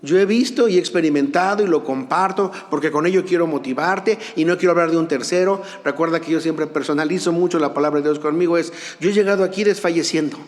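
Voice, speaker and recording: Impassioned preacher, high voice, echoing church. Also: male voice, fast talker, few pauses. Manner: impassioned preaching, swinging from loud urgent peaks to soft low asides. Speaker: pastor. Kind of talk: sermon. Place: church sanctuary.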